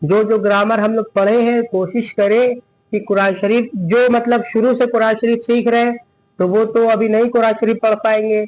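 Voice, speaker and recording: A man teaching Quran reading, slowly spelling out letter sounds and explaining patiently to his students. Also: sits high, little pitch movement, darkish tone, low-quality recording. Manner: slow, drawn-out syllable spelling with repeated "theek hai" checks. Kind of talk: spelling-drill lesson.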